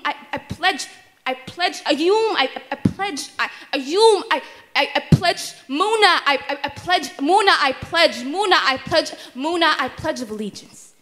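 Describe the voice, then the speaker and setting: A young woman's high-sitting, slightly bright voice carries a spoken word poem from a stand microphone in a wood-paneled hall. She performs rhythmically and emphatically, stammering and repeating words on purpose.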